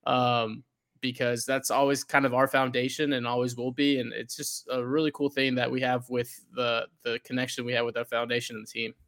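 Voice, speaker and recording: A man's voice: mid-range voice, flat delivery, fairly bright tone. Earnest man talking as a podcast guest. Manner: earnest, halting, many restarts. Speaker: podcast guest, fan media creator. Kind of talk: casual podcast interview.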